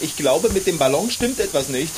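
Anxious, whiny tinkerer, lively, noisy recording. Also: female voice, sits low, normal speed. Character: timid, queasy bicycle tinkerer afraid of heights. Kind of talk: children's audio drama acting. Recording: clearly noisy background.

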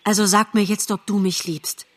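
A woman's voice: medium pitch, fairly even intonation, moderate pace, lightly acted. A woman voicing a young male deer in love, pleading with breathless urgency in a storybook reading.

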